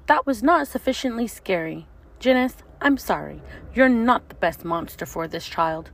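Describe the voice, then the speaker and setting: A woman's voice: on the high side, lively intonation, normal speed, gravelly, voice pushed up. A woman voicing a stern, bossy male monster teacher who gives rules in a formal, instructive way.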